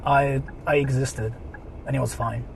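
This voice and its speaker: A man with a Japanese accent, a native Japanese speaker, has a gravelly, medium-pitched voice with fairly even intonation and a measured pace. Driving as he livestreams, he chats casually and reads donations, rambling, repeating himself, and cracking crude jokes. The recording carries the noise of the moving car's interior.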